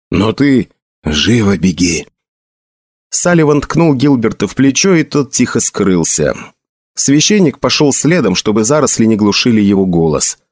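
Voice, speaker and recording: Lively male audiobook narrator. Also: mid-range voice, no room sound, clean studio sound. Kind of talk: scripted narration.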